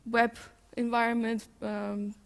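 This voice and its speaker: A woman's voice: fairly high pitch, little pitch movement, slow, gravelly. A woman from Switzerland with a Swiss German accent, giving an informal tech talk as a conference speaker.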